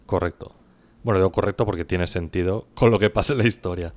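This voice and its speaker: A man in his thirties with an accent from Spain, chatting casually as a podcast co-host in a hoarse, gravelly voice. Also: deep voice, fast, darkish tone, no echo. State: hoarse from coughing. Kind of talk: casual chat.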